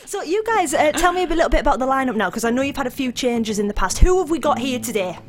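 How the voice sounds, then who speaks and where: A woman's voice: high voice, lively intonation, quick pace. A woman radio presenter hosting a casual studio interview, bubbly and chatty.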